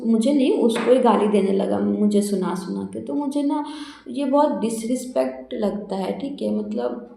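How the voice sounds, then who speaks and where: A woman's voice: fairly high pitch, vocal fry, mellow. A young woman telling a personal story to her viewers in a chatty, rambling way, full of fillers and tag questions. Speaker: vlogger. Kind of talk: casual storytelling to camera. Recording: very echoey room.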